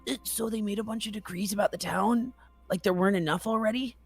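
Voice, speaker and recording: This is a sullen young errand boy in a video game, played by a woman. The voice is gravelly with fry and talks back with impatient insolence. Faint music plays underneath. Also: mid-range voice, fast talker, lightly acted. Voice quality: creaky. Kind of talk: reading game dialogue aloud in character.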